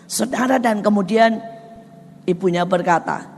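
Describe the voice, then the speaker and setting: Husky woman preaching in reverberant hall. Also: mid-range voice, measured pace. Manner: lively, addresses listeners as "Saudara", mimics people in quotes. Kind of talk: sermon with stories. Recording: long hall reverb, faint music.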